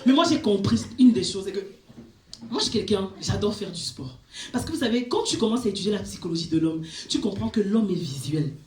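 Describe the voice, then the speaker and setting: A woman performing a stand-up comedy set on a club stage, telling her story with big animated swings and shrieks at the punchlines. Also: medium pitch, a little fast. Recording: echoey club with audience noise. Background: audience laughter.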